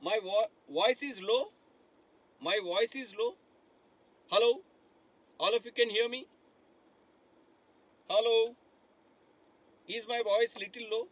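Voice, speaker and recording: In a studio in front of a dark digital board, a middle-aged man delivers a live online lecture, repeating himself, quizzing the class and calling them "my dear friends" again and again. His very high voice moves slowly with long pauses, and the recording is rough.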